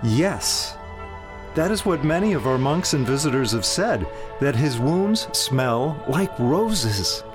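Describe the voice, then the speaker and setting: An actor playing a calm, protective head of a monastery in an audio drama, speaking in a measured, reassuring way. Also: male voice, medium pitch. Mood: calm, courteous. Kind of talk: dramatized audio story acting. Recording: loud music under the voice.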